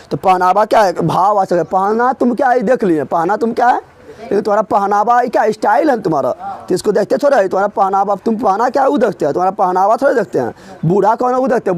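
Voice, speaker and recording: High-voiced teacher drilling grammar. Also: male voice, darkish tone. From Bihar. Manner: drilling, asks students rhetorical questions and teases them. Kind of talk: exam-prep grammar lesson.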